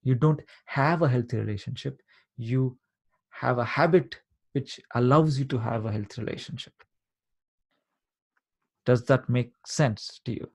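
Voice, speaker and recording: Husky-voiced man coaching patiently. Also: medium pitch, measured pace, pauses often. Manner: explains patiently, repeats points and checks the listener understands. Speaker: life coach. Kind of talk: live online coaching session. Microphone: video call.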